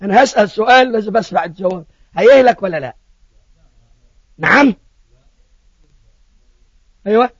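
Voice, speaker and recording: A man's voice: sits high, normal speed, long pauses, breathy edge, dry recording, muffled recording. A man with an Egyptian accent preaching a sermon, telling a story and questioning his listeners. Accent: Egyptian Arabic. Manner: animated storytelling, questions to the congregation.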